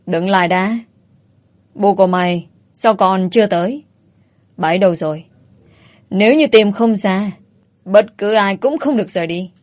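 A woman's voice: medium pitch, moderate pace, pauses often, a little mellow, no room sound, natural voice. A woman voicing a stern, commanding old rich patriarch who speaks curtly. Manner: commanding, curt.

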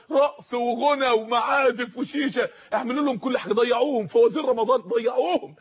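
A man's voice: very high voice, husky, lo-fi sound. A man with an Egyptian accent preaching an impassioned sermon, hammering his points through repetition.

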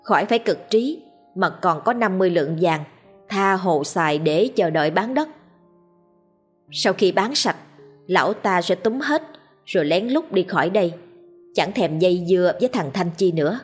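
A woman narrates a ghost story with steady drama. Her voice sits low and sounds breathy, with soft music underneath. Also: normal speed.

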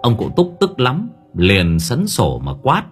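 A man narrating an audio novel with expressive storytelling. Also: mid-range voice, slow pace. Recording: faint background music.

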